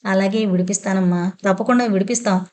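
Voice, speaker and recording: Brief: a fearful, courteous man, soft and pleading, voiced by a woman narrator in a horror audiobook. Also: mid-range voice, fairly even intonation, fast, lightly acted. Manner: polite and pleading. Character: timid, courteous older man.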